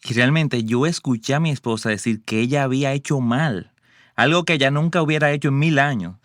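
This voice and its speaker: A man's voice: mid-range voice, brisk, dry recording, clean studio sound. A middle-aged man, a guest, telling his side of a personal story in a plain, matter-of-fact way. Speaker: interview guest. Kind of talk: personal testimony.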